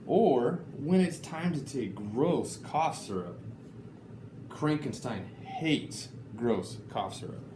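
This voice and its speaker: Reading children's picture books slowly and deliberately, a man lets his pitch rise and fall in lively, expressive storytelling. The room is noticeably echoey, with faint background noise.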